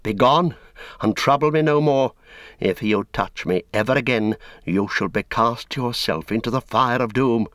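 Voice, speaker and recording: A man's voice: lowish voice, fairly even intonation, slow pace, pauses often, clean tone, dry recording, studio quality. A man voicing stern, gasping hobbit Frodo. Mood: commanding. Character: hobbit Frodo, weary young male ring-bearer, stern.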